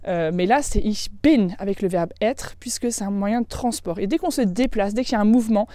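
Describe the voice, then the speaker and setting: A woman from France with a French accent, giving a casual online German lesson, chatting freely and slowing right down to model German phrases. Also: medium pitch, warm tone, no echo. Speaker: German language teacher.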